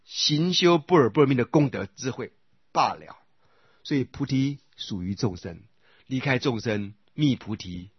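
A man with a husky, somewhat breathy voice leads a lecture on Buddhist scripture. He chants repeated sutra phrases in a measured rhythm and keeps turning to the class to ask whether they follow. The sound is dry and a little muffled, like a modest lo-fi recording. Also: mid-range voice, dry recording. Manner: often checks with listeners by asking "right?"; recites sutra phrases in slow repeated cadence. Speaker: Buddhist dharma teacher.

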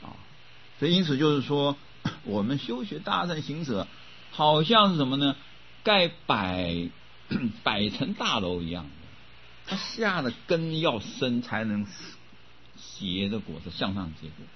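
An older man giving a Buddhist dharma talk as teacher, often coughing and clearing his throat, repeating words as he goes. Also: medium pitch, very animated, a little slow, a little hiss or hum. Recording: dull lo-fi recording.

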